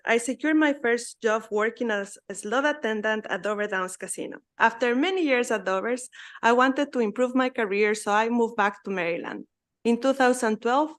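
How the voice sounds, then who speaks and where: A woman from Ecuador with an Ecuadorian Spanish accent, a native Spanish speaker, earnestly reading prepared testimony as a public witness. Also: fairly high pitch.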